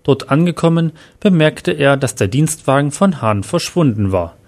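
A man reading a crime story as narrator in a steady, even way. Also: mid-range voice.

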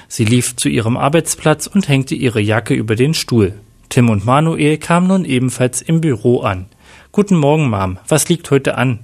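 A man reading a crime story aloud in a plain, steady storytelling voice. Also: medium pitch. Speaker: narrator.

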